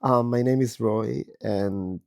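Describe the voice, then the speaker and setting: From bed, a podcaster in his 30s who was born in Israel shares candid personal reflections. Illness has left his low, warm voice raspy and hoarse, and he speaks slowly and thoughtfully with lots of pauses.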